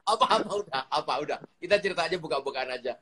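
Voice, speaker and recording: A man's voice: a little high, rapid-fire, fairly bright tone, a little hiss or hum, low-quality recording. A man hosting a casual live stream, teasing his guest in a playful way. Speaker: host.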